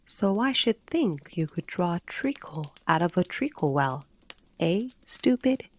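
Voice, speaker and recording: A woman's voice: on the low side, sing-song, slow, heavily acted. A woman voicing a rude, impatient man at a tea party in a storybook reading. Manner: rude, curt.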